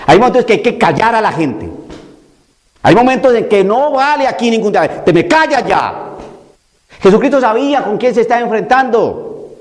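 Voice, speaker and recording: High, lively-voiced male preacher. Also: a little fast. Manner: emphatic, repetitive, mockingly caricatures opposing views. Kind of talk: sermon.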